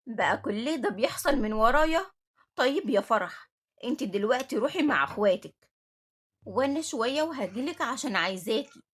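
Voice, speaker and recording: Woman voicing an older orphanage matron, Egyptian accent, firm and quick, husky. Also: a little high, lively intonation, fairly bright tone. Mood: concerned. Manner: firm, scolding. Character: stern, motherly older woman who runs an orphanage.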